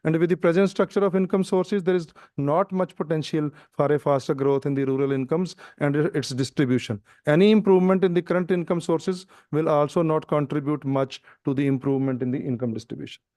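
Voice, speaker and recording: Higher-voiced man reading findings. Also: a little fast, hardly any pauses, no echo, clean studio sound. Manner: steady, formal reading. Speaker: researcher presenting findings. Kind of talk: reading out a research presentation. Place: conference room.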